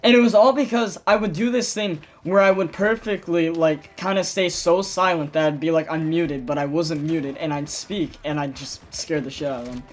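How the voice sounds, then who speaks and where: A young man telling stories in a casual gaming voice chat, animated and swearing freely, loudly mimicking other people. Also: fairly high pitch, moderate pace, few pauses. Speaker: gamer chatting with friends.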